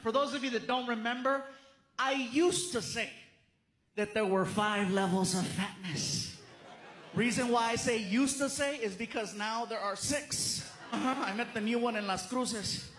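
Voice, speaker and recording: A man in his thirties doing a stand-up comedy set in a theater, telling animated stories and slipping into character voices. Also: extremely high pitch, measured pace, background noise. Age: 30s. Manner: animated storytelling, slips into character voices and bits of Spanish. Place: theater stage with a laughing audience.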